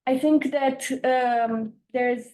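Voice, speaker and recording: A young woman from Romania with an Eastern European accent, giving an informal conference talk with frequent hesitant pauses. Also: high voice, fairly even intonation, a little mellow. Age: young adult. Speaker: campaigner, panel speaker.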